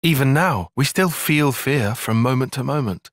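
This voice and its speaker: Here a man with a British accent plays a careful, earnest young soldier-strategist for a game cutscene, his diction precise, formal and articulate. The mood is sombre, his medium pitch carried by lively intonation at normal speed. It sounds close to an everyday voice, studio quality with no room sound.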